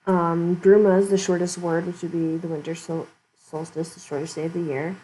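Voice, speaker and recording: A woman's voice: on the low side, level tone, fairly quick, warm tone, poor audio. Chatty woman streamer narrating a game. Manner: chatty, giggly, thinking aloud. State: hiccups. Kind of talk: casual let's-play commentary.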